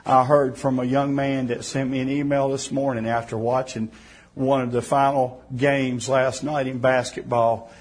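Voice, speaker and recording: A man delivers a heartfelt sermon in a husky, slightly breathy voice of ordinary pitch. He builds to emphatic, raised phrases, then drops low and quiet to press a point home. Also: level tone, moderate pace. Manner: fervent, rising to emphatic bursts then dropping soft. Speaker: preacher.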